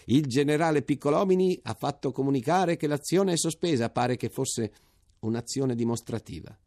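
A man's voice: mid-range voice, moderate pace, darkish tone, no echo, clean studio sound, pitched above the performer's own voice, natural voice. A man reading the part of an anxious army major in his fifties who frets and confides in earnest. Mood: elated. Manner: fretful questions, later earnest confiding. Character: anxious fiftyish army major, nervous then relieved.

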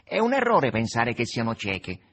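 A man's voice: medium pitch, huge pitch swings, normal speed, fairly bright tone, exaggerated voice. A man voicing a haughty, self-important talking cat in an audiobook reading. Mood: pompous. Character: haughty talking tomcat, pompous and flattered.

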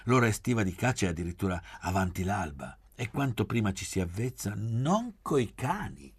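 Husky deep male audiobook reader. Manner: measured, expressive reading. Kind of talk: audiobook narration of a novel.

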